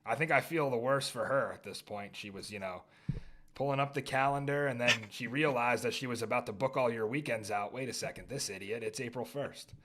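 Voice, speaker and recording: A young man in an upbeat, joking mood, co-hosting a casual sports podcast. He talks at a middling pitch and keeps the chat light and teasing. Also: brisk, pushed and bright, slight background noise. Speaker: podcast co-host.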